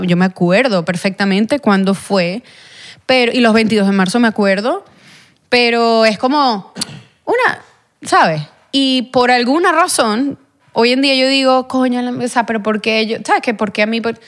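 A young adult woman with a Venezuelan accent, telling a personal story in an interview. She rambles, uses many fillers and acts out what people said. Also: a little high. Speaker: guest.

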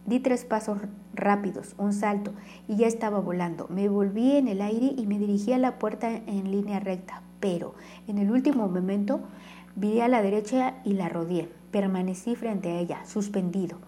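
Woman, audiobook narrator, mellow tone, first-person novel reading, occasional restarts, faint hum behind. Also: medium pitch, moderate pace. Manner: reads dialogue with light shifts, occasional stumbles and restarts.

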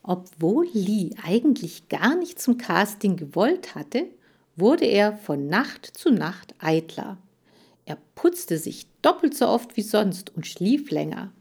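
A woman narrating a children's book aloud in the first person, lively in tone. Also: medium pitch, slow, husky. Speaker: audiobook narrator.

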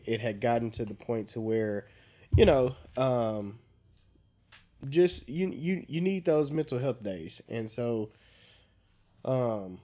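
A man co-hosting a loose podcast conversation, his voice a little stuffed up from congestion. He tells his stories with animated, profane energy and a middle-of-the-road pitch. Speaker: podcast co-host. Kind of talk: casual chat.

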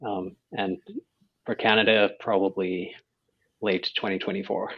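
A man's voice: sits low, flat delivery, measured pace. A man on a casual podcast panel, talking hesitantly with many ums. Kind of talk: casual group chat. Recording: dull lo-fi audio.

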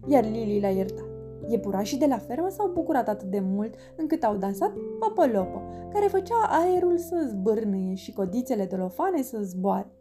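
A woman reading a children's storybook aloud in a lively, expressive way. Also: fairly high pitch. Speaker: narrator. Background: background music.

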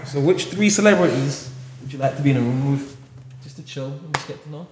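A man's voice: a little high, a little fast, very noisy. A man with a London accent hosting a casual, slangy interview, jokey and repeating words as he eggs guests on. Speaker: interviewer, host. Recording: echoey room with loud crowd.

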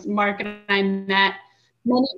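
A woman's voice: medium pitch, fairly even intonation, a little slow, lo-fi sound, soft background music. A woman in her forties, a guest co-host chatting casually, whose voice keeps cutting out on a choppy video call. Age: 40s. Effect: choppy, breaking-up video call connection. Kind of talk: casual podcast chat over a video call.

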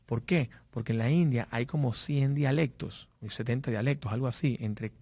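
A man's voice: medium pitch, normal speed, darkish tone, no echo. Man telling motivational business stories. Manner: storytelling, frequent fillers and restarts. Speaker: business speaker. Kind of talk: motivational talk with anecdotes.

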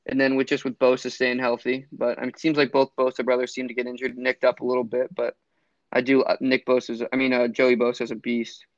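A man's voice: mid-range voice, completely flat delivery, brisk, no room sound, lo-fi sound. A man co-hosting a sports podcast, rambling with fillers and restarts. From Florida. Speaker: podcast co-host. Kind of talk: casual sports chat.

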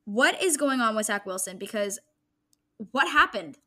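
Bright playful woman sports co-host. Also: on the high side, moderate pace. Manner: playful, joking, animated. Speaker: podcast co-host. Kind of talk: casual sports chat.

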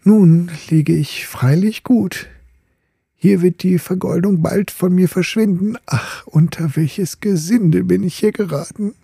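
A man's voice: unhurried, gravelly, mellow, husky, no room sound, clean studio sound, exaggerated voice. Man doing an eager, boastful spinning-top suitor. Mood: forlorn. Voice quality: high, pushed-up storybook voice. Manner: earnest and self-praising. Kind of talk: fairy-tale reading.

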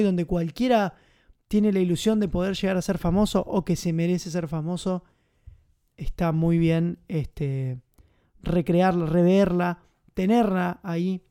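Casting: Argentine man, casual film-review host, chatty, high mellow voice. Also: clean tone. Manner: chatty, enthusiastic, many fillers.

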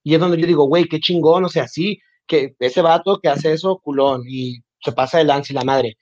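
A man's voice: fairly high pitch, moderate pace, dry recording. A man with a Mexican accent, a podcast guest in casual conversation, telling stories and acting out the dialogue in them. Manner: animated storytelling, acts out quoted dialogue. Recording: dull, dry podcast audio.

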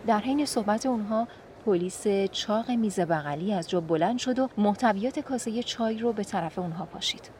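A woman calmly narrating a story in an even reading voice. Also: mid-range voice, slight background noise.

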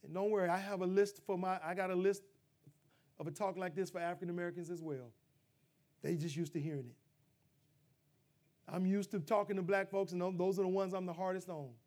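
A middle-aged man delivers a sermon in a notably high voice. He builds to loud, emphatic peaks, then falls back into low, quiet asides to the congregation. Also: fairly even intonation, brisk, long pauses. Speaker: pastor.

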